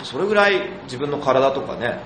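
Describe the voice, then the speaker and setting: A man hosting a relaxed conversation, speaking fast with a lively, swinging pitch and frequent laughs. The room is echoey, with clear noise behind him. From Tokyo. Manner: lively, laughs often, quick and animated. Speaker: host. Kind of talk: casual chat.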